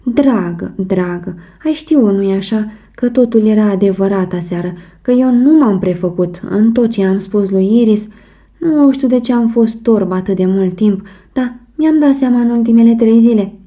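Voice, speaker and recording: A woman's voice: mid-range voice, dark tone, natural voice. A woman narrator voicing an impulsive young husband who is ardently in love and pleading. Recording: muffled audiobook recording.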